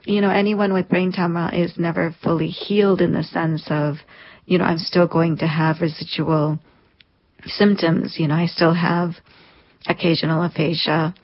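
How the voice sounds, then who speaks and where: A woman's voice: fairly low pitch, flat delivery, normal speed. A woman in her thirties, an interview guest, telling a personal story in an earnest, reflective way. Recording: lo-fi dull sound.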